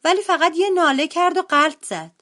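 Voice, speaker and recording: A woman's voice: very high voice, a bit bright, voice pushed up. A woman voicing a sleepy young boy bear cub in a read-aloud storybook. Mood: explaining.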